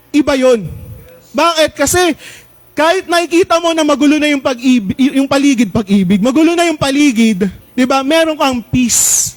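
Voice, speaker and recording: A man with a Filipino accent and a strikingly high voice preaches to his congregation. He keeps the sermon chatty, with quick jokes and constant "Amen?" prompts. He slows down whenever he reads scripture aloud. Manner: conversational preaching, asks the crowd "Di ba?" and "Amen?" often, mixes in English; slows down when reading verses aloud. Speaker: pastor.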